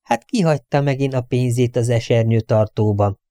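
A man's voice: medium pitch, mellow, dry recording, clean studio sound, natural voice. A man voicing a strict, nagging older housekeeper who scolds her absent-minded employer. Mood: scolding. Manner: scolding, prim and indignant.

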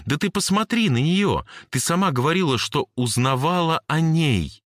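A man's voice: fairly high pitch, animated, normal speed, fairly bright tone, no room sound, clean studio sound, voice pushed up. A man reading an audiobook and voicing a young man who pleads and defends himself in a heated voice. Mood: pleading.

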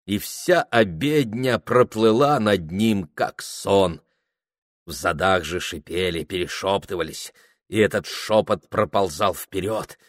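A man reading a literary novel aloud in a measured, dramatic manner. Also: deep voice, no room sound, studio quality. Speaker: audiobook reader. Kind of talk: scripted literary narration.

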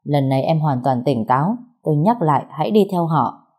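A woman's voice: deep voice, expressive, a little fast, a little mellow. A woman voicing a cold, controlling man who gives orders and threats over the phone. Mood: cold commanding. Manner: cold, commanding.

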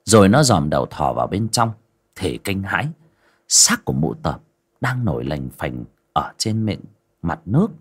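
A man's voice: deep voice, slightly rough. A man narrating a horror story with dramatic delivery.

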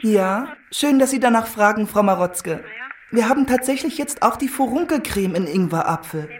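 A woman's voice: on the high side, expressive, normal speed, close to an everyday voice. An actress playing a chirpy woman selling skin creams over the phone in a radio drama. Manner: chirpy salesy, then scolding.

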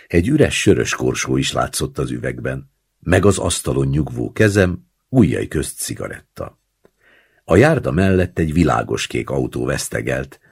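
A man reading a short story aloud in the first person, telling it in a measured, wry way. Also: rumbling low, vocal fry, slightly rough. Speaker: audiobook narrator.

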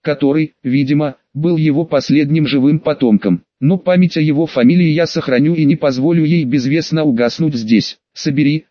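A man reading a first-person fantasy audiobook in a measured, steady storytelling manner. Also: fairly high pitch, no room sound. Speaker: audiobook narrator. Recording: dull, dry studio sound.

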